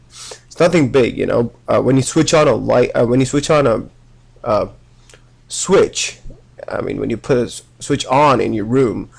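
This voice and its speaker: Delivering an informal lecture on electronics while suffering from a cold, a young man speaks at a medium pitch with vocal fry and a darkish tone. He keeps restarting sentences and frequently asks "right?"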